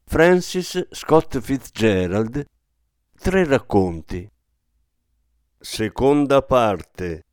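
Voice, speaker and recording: Expressive male audiobook narrator. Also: mid-range voice, clear, resonant tone. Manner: expressive, measured storytelling. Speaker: audiobook reader. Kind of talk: scripted literary narration.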